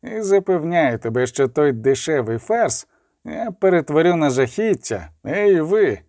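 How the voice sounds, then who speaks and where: Male reader doing a cold sorcerer villain: measured threats, mellow dark tone, dry close sound. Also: a little high, big pitch swings, dry recording. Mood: menacing.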